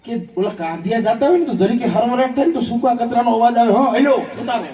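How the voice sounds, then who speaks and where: High-pitched, fiery speaker. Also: male voice, fast. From Bhavnagar, Gujarat, India. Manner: forceful, rhetorical, acts out voices in anecdotes. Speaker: public speaker. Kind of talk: fiery public speech with humorous storytelling. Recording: echoey hall, voice from far off.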